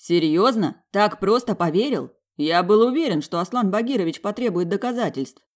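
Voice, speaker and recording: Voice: medium pitch, fairly quick, pitched above the performer's own voice, close to an everyday voice. A reader voicing an amused, incredulous young male friend in audiobook dialogue.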